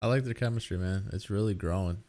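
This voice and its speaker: A man's voice: low-pitched, fast talker, noisy background. A man hosting a reaction video with casual commentary, the show's audio and music behind him.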